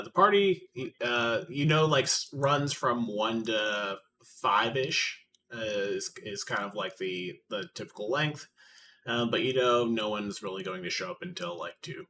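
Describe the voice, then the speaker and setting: A man's voice: mid-range voice, sharp tone, far from the mic, slight background noise. A man acting as game master, narrating a tabletop game casually with many fillers and restarts.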